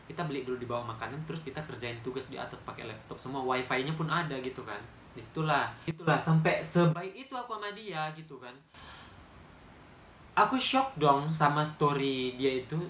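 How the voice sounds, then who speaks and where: A Medan-accented young vlogger, in his twenties, talks emphatically to the camera in a casual storytime monologue. His medium-pitched voice is a bit bright, and the room echoes, with slight background noise.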